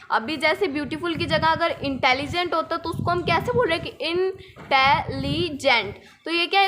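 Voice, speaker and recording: A woman's voice: high voice, bright, forceful tone, slight background noise. A young woman teaching English grammar in Hindi, patiently repeating points and asking the viewer rhetorical questions. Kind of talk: explaining grammar lesson in Hindi with English examples.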